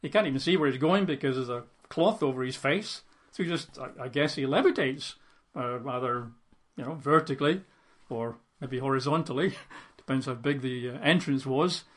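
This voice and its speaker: A man's voice: mid-range voice, normal speed. A man teaching from the Bible, reading the passage aloud and breaking off into conversational commentary with fillers and asides. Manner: conversational asides with fillers, dramatizes quoted lines.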